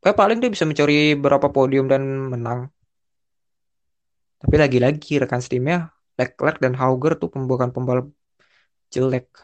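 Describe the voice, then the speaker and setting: A man's voice: medium pitch, moderate pace, long pauses. A young man chatting casually as a podcast co-host, in informal slang with many restarts and bits of English. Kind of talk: casual chat.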